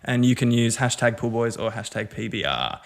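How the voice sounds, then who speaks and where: A man's voice: mid-range voice, expressive, normal speed, vocal fry. A man co-hosting a casual comedy podcast, running through plugs and contact details with dry little asides. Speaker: podcast co-host.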